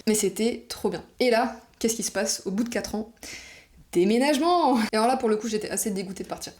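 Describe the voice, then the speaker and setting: A woman's voice: mid-range voice, a little mellow. Chatty young Frenchwoman telling stories. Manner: chatty, conversational, frequent fillers like genre and bah. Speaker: vlogger. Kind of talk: casual storytelling monologue.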